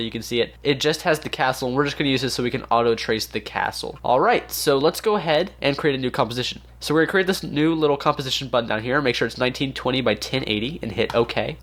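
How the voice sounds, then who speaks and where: A man with a sick voice, casually walking viewers through a software tutorial with lots of filler words. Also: mid-range voice. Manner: casual, easygoing with frequent fillers. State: sick, congested voice. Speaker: tutorial host. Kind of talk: screen-recorded software tutorial.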